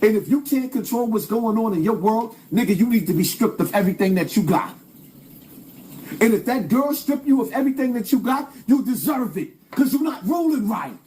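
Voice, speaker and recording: A man's voice: high voice, expressive, fairly quick, mellow, a little hiss or hum. A man delivering an emphatic, preachy rant straight to camera, hammering his points with repetition. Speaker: commentator.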